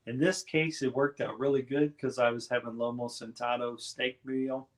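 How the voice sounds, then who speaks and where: Relaxed rambling man hosting a live stream. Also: medium pitch, moderate pace. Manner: relaxed, rambling, reads chat aloud. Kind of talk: casual live stream chat.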